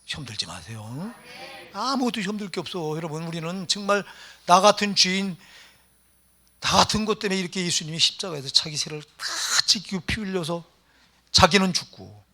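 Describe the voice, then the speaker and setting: A male pastor preaching a sermon emphatically, firing rhetorical questions at the congregation and swinging between loud and hushed lines. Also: high voice, animated, fast.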